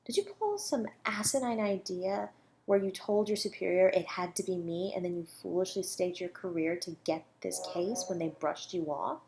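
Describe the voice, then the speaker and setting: This woman voices a self-assured academic under suspicion of murder in an intimate, one-sided flirty roleplay, mocking and condescending while staying composed and coy. She acts as though she's always ahead of the detective. Her voice sits lowish, creaky and darkish, with a little hiss or hum in the background.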